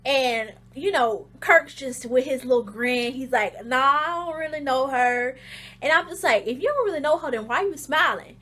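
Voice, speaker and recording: A woman giving a casual, slangy recap of a reality show, telling it as a lively story full of fillers. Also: high voice, normal speed, few pauses, slightly rough. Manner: animated storytelling, acts out the show's scenes in shrieky voices; loose slangy talk with fillers. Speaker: reality TV reviewer.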